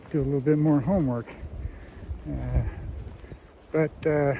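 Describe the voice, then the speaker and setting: A man vlogging from a mountain trail while ill and weak, speaking haltingly with many fillers. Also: fairly high pitch, mellow, a little hiss or hum, rough recording. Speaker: hiking vlogger. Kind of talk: casual trail vlog talk to camera.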